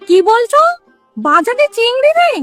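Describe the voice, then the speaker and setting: A woman voicing a nagging old wife in a cartoon, shrill and scolding. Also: big pitch swings, unhurried, fairly bright tone, soft background music, exaggerated voice. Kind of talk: cartoon voice acting.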